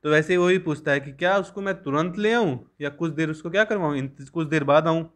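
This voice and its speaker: A young man teaching a school English lesson, reading lines slowly and then explaining them at length. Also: fairly high pitch.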